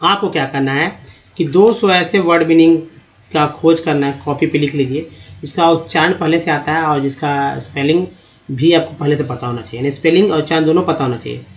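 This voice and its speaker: A man teaching how to read English words, sounding them out slowly one at a time. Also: fairly high pitch. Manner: slow, spelling out words sound by sound. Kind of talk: explaining a lesson.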